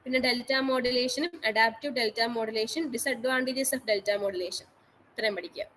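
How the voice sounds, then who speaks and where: A woman's voice: fairly high pitch, slow pace, fairly bright tone, a little hiss or hum, low-quality recording. A woman college teacher giving an online lecture, repeating each instruction and mixing English technical terms into her speech. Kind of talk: online class lecture on exam syllabus.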